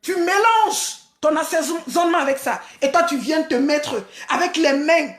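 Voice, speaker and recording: High-pitched woman hurling mocking insults. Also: measured pace, echoey room. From Senegal. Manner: vulgar, mocking, repetitive insults with frequent shouting. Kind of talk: insulting live-stream rant.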